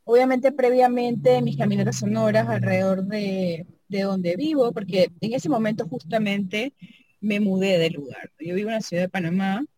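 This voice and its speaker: At a moderate pace and in a mellow voice, a woman muses casually about her work in sound art and double bass, thinking aloud and dropping in frequent tag questions. There's no echo.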